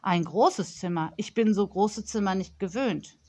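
A woman voicing a whimsical, dreamy grown-up nanny who speaks calmly and mildly. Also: mid-range voice, a little slow, close to an everyday voice.

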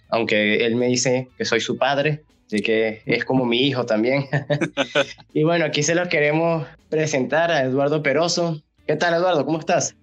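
A man's voice: mid-range voice, lo-fi sound. A man co-hosting a podcast, asking the guest questions in a friendly, casual way. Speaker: podcast co-host.

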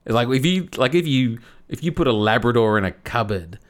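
A man's voice: mid-range voice, expressive, a little fast. A man co-hosting a casual podcast, explaining a topic at length, often restarting and repeating words as he goes. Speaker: podcast co-host.

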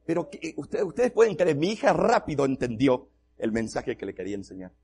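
Gravelly, husky male pastor telling jokes. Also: mid-range voice, brisk. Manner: animated, comic, self-mocking. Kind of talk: humorous sermon storytelling.

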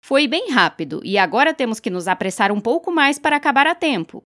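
A woman reading aloud and voicing a calm male village official who explains things gently. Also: fairly high pitch, brisk, voice pushed up. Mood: measured. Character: calm middle-aged male official running a village draw.

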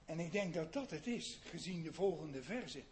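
A man preaching a sermon in an earnest way, asking his listeners questions and swinging between hushed and loud emphasis. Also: on the high side, lively intonation, normal speed. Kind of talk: sermon on a psalm.

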